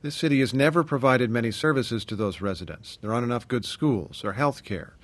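A man with an American accent narrating a scripted news documentary in short, deliberate sentences. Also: mid-range voice, no room sound. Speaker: radio reporter and narrator.

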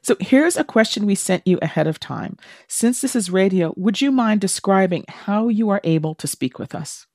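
A woman's voice: medium pitch, animated, normal speed, few pauses, a little mellow, no echo. A woman hosting a radio interview, explaining and asking questions in a broadcast style on a close studio mic.

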